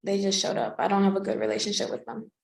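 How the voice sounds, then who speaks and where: A 19-year-old woman speaks from the defendant's spot in a courtroom recording, keeping her replies short and quiet. Her voice barely rises or falls, and the room rings around her. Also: mid-range voice, fast talker, vocal fry, echoey room. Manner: brief, quiet, flat replies. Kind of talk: courtroom hearing answers.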